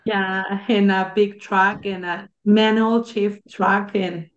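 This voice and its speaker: A woman's voice: mid-range voice, steady tone. A woman in her forties from Mexico, speaking English as an over a video call, hesitant and careful with phrasing. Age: 40s. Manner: slow, hesitant, non-native phrasing. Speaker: interviewee, ESL student. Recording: dull lo-fi call audio.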